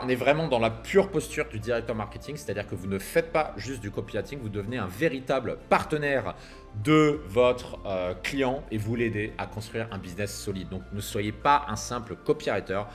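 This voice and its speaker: A man gives business advice outdoors at sunset, filming himself as he talks. His delivery is punchy and emphatic, with slang and a few swear words thrown in. Soft music plays quietly behind him. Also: fairly low pitch, lively intonation, moderate pace. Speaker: business coach for copywriters. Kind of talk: casual advice monologue to camera. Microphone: camera filming himself.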